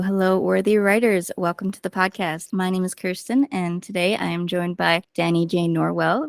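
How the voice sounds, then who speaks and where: A woman's voice: medium pitch, no echo, clean studio sound. A woman hosting a podcast, chatting casually and leaning on fillers as she talks. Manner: chatty, uses many fillers. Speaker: podcast host and writing coach.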